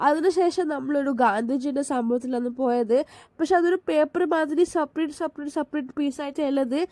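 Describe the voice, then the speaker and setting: A woman's voice: high-pitched, a little mellow, no echo. A Malayali woman from Kerala narrating her family outing in a chatty, enthusiastic voice-over, with frequent restarts. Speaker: family vlogger.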